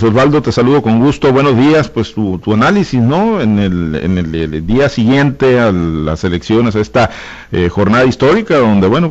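A man hosting a live news discussion, somewhat halting and ending phrases with tag questions. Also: lowish voice, a little mellow. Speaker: radio host. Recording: dull, lo-fi radio sound.

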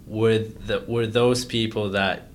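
A young man chatting casually on a podcast, relaxed, with many fillers and laughs. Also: lowish voice, slow, slight background noise. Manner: relaxed, filler-heavy, laughs mid-sentence. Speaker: podcast co-host. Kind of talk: casual chat.

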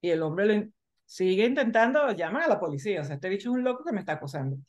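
Woman in her 40s hosting a chat, emphatic, lively talker. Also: mid-range voice, fast talker. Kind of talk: casual chat.

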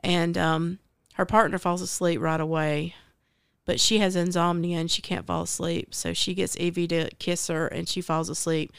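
Smooth-voiced Southern woman chatting. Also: lowish voice, level tone, moderate pace, dry recording, studio quality. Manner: rambling retelling with many fillers. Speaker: podcast host. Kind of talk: casual book chat.

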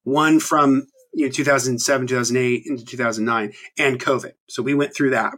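A podcast host, male and in his thirties, rambles casually with plenty of ums and restarts. His pitch is medium and his intonation fairly even, and he talks a little fast with a slightly bright sound.

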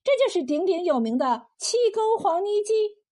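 A woman voicing a clever young woman innkeeper in a told story, talking in a brisk, lively, teasing way. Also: very high voice, voice pushed up. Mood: boastful. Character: sly, quick-witted young woman innkeeper.

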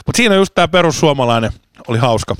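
A man's voice: medium pitch, animated, a bit bright, clear, resonant tone, no room sound, studio quality. A man co-hosting a podcast, telling long casual stories with lots of restarts and the odd swear word. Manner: rambling storyteller, swears and laughs often. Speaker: podcast co-host. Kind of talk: casual chat.

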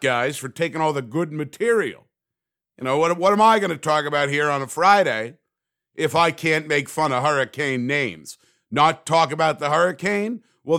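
Male podcast host, somewhat high-pitched, wry and sarcastic, rambling comedic monologue. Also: a bit bright. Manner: sarcastic, rambling, self-mocking.

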